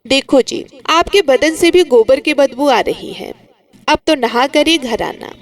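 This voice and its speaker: A woman voicing a sharp-tongued, irreverent young wife who scolds her family in a devotional story. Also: high voice, a little slow. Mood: irritated. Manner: scolding, irritable.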